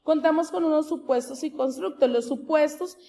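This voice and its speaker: A woman's voice: sits high, moderate pace. Woman giving a formal academic presentation. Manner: steady, explanatory, with occasional restarts. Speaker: master's degree candidate presenting her thesis.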